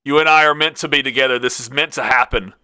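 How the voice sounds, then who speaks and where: A man's voice: medium pitch, fast, pushed and bright, clean tone, no echo. A man voicing a cackling, taunting male villain who delivers grand menacing monologues in a tabletop game.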